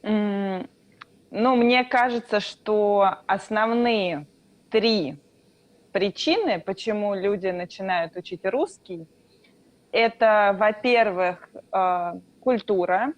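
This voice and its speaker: A Russian woman who teaches Russian explains things calmly in a casual interview, stretching out her filler words. Her voice sits at a medium pitch, and the recording has a lo-fi quality.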